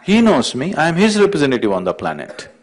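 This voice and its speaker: A man's voice: wildly swooping pitch, fast. A man playing an indignant, pompous pope who protests at heaven's gate in a raised, insistent voice. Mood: distraught. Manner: outraged, insistent, high-pitched protests.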